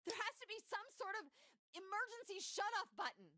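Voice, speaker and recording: A man's voice: extremely high pitch, lively intonation, brisk, pushed and bright, dry recording, studio quality, voice pushed up, full character voice. A man reading a visual novel aloud, voicing a brash, impatient adult woman who swears and makes demands. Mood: exasperated.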